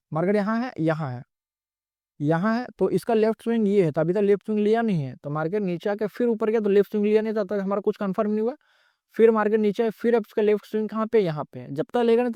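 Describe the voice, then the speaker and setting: A man's voice: high voice, a little mellow, no room sound, studio quality. A man teaching trading in a recorded lecture, explaining step by step and repeating himself often.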